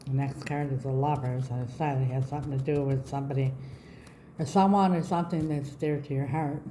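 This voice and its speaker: Lady doing a tarot reading, low mellow voice w a lisp, bit of noise behind her. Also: steady tone, brisk, rough recording. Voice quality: lisping after mouth surgery. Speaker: tarot reader, channel host. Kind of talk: spoken tarot reading to viewers.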